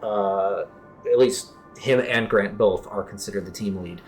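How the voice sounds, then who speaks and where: A man's voice: lowish voice, measured pace, faint music behind. A man co-hosting a casual podcast chat, rambling and often correcting himself mid-sentence. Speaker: podcast co-host.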